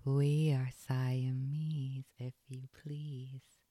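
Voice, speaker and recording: A reader voicing a pair of sly Siamese cats in a slow, drawn-out whisper, as whispered role-play from a storybook. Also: medium pitch, level tone, dark tone, no echo.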